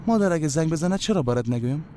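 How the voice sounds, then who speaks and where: An actor with a Tajik accent playing a grown son calmly reasoning with his mother. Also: on the high side, a little hiss or hum, close to an everyday voice.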